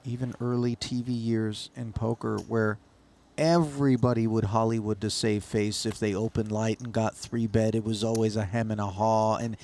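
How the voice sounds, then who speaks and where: A man commentates live on poker with a creaky, gravelly edge to his voice. His phrasing is wordy and florid. Faint noise and ambience sit behind him. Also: fairly low pitch, little pitch movement, normal speed, hardly any pauses, a little mellow.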